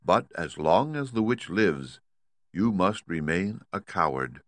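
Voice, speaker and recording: A man voicing a great and terrible storybook wizard in the form of a fireball, quiet, measured and commanding. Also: sing-song, dry recording, heavily acted. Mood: solemn, commanding. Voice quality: low, quiet. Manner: slow, measured, solemn, commanding.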